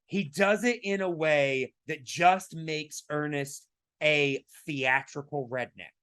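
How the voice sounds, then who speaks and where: Raspy-voiced man in casual podcast chat. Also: a little high, takes it slowly. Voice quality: raspy today. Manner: animated, emphatic, many fillers and restarts. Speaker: podcast co-host.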